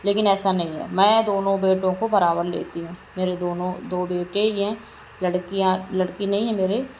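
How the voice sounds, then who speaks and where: A woman's voice: medium pitch, darkish tone, rough recording. A middle-aged woman narrating a shopping trip in a casual vlog, rambling and repeating herself as she talks. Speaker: vlogger. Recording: faint background noise.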